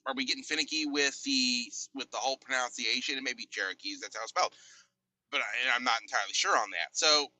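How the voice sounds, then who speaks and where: A man's voice: medium pitch, sharp tone, poor audio. A man co-hosting a podcast, giving his opinion in casual chat and hesitating with many fillers and restarts. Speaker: podcast co-host. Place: in Oklahoma.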